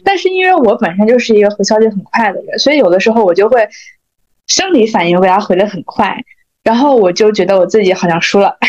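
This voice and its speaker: Woman chatting fast on a podcast, kinda dull lo-fi sound. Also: mid-range voice, expressive, a little mellow. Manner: chatty storytelling with laughs. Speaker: podcast co-host. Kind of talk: casual chat. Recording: dull lo-fi audio.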